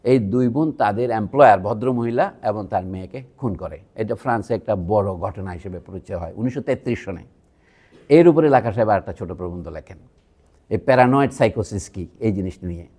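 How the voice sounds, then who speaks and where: In a university museum hall, a man from Bangladesh delivers a public lecture with a lowish, warm, expressive voice at a brisk clip. His talk is digressive and chatty, full of asides to listeners.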